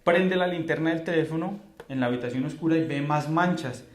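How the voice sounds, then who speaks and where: A man's voice: a little high, brisk. A man with a Colombian accent preaching a sermon as pastor, with emphatic repetitions and rhetorical questions. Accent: Colombian Spanish. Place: church hall. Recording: echoey church hall.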